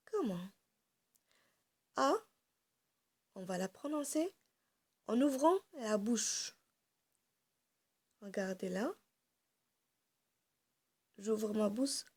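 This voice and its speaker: A woman's voice: fairly high pitch, a little mellow. A woman teacher giving a phonics lesson to small children, explaining step by step and patiently repeating each sound several times. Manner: explains step by step while drawing on a board.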